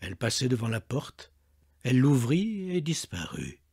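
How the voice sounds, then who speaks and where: A man reading a short story aloud with dramatic, expressive narration. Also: mid-range voice, moderate pace, gravelly, breathy edge. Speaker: reader.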